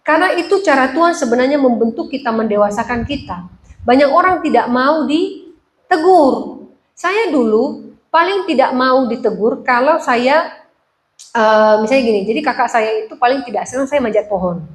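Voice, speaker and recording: Woman preacher, light high voice, chatty teaching sermon with asides to the pews. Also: animated, moderate pace. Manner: conversational, asks the congregation questions, laughs at her own jokes. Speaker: pastor.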